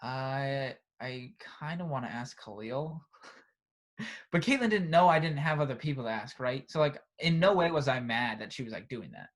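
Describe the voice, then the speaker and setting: A young man co-hosting a podcast, telling a story in a casual, animated way and often tagging "right?" and "bro". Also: medium pitch, normal speed. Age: young adult. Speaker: podcast co-host. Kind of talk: casual chat.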